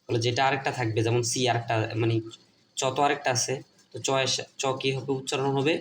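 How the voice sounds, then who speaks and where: A man's voice: medium pitch, flat delivery, fast talker, a little hiss or hum. Bangladeshi man teaching at a board. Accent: Bangladeshi Bengali. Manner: repeats points, asks and answers his own questions.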